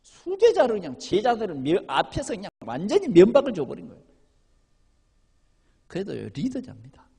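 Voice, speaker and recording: Male preacher delivering a sermon, emphatic, with a raised, husky voice and long hall reverb. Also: high-pitched, huge pitch swings, fairly quick, pauses often. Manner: emphatic preaching with sudden loud and quiet turns. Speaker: pastor. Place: church sanctuary.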